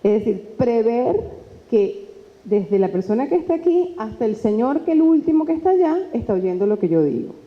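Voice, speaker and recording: Lively woman lecturing in a hall. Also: a little high, moderate pace. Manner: lively, conversational, acts out quoted dialogue. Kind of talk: lecture on presentation skills. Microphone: handheld microphone. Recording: dull sound with long hall reverb.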